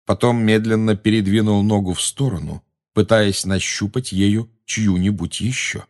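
A man reading a fantasy novel aloud in steady, measured dramatic audiobook narration. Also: fairly low pitch.

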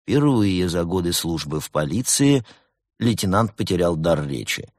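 Man reading a comic story with husky voice. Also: low-pitched, normal speed, no room sound, clean studio sound. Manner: expressive, lively storytelling. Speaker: narrator. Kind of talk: audiobook narration of a comic story.

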